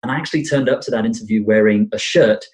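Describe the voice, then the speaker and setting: A man's voice: medium pitch, fast talker, poor audio. A middle-aged man from Brazil, a financial planner interviewed as a podcast guest, talking in a self-deprecating, rambling way with many restarts. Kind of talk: conversational interview.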